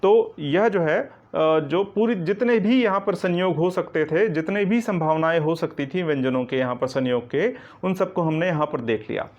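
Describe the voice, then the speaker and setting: A man's voice: on the high side, normal speed, few pauses, a little mellow. A man teaching Hindi grammar in an online coaching lecture. He explains step by step, keeps checking "ठीक है ना" and asks the class questions before answering them himself. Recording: dull lo-fi recording.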